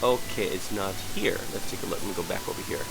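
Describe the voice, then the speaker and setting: A hungover, sick man giving an unscripted software tutorial, hesitant and apologetic as he searches around. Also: low-pitched, fast, creaky, heavy background noise. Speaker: tutorial presenter.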